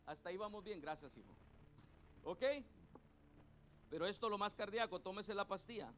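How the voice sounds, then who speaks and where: A middle-aged male pastor preaching a sermon, leading the congregation to repeat terms after him and repeating his points slowly. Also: high voice, expressive, a bit bright, a little hiss or hum. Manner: call-and-response teaching, has the congregation repeat terms; spells out words letter by letter and repeats points slowly.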